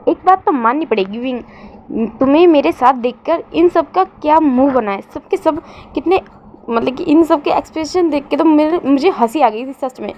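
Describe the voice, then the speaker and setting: A man's voice: very high voice, normal speed, a little mellow, lo-fi sound, a little hiss or hum. A woman voicing a teasing, cold-faced young man who mocks others in amusement. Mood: amused.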